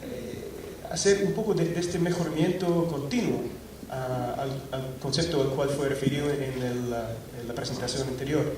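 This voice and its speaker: In a crowded auditorium whose heavy echo is captured from afar, a faint hum below him, a middle-aged Scottish man presents a technical talk. His mid-pitched, slightly mellow voice moves at a moderate pace with hardly any pauses, yet he falters repeatedly, using many fillers and restarting often.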